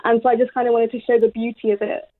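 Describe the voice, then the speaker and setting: A seventeen-year-old young woman with a British accent, a young poet appearing as an interview guest, answers questions conversationally over a remote call to a radio studio. Her voice is a little high, flat in delivery and quick, with no room sound, and the line sounds dull and phone-like.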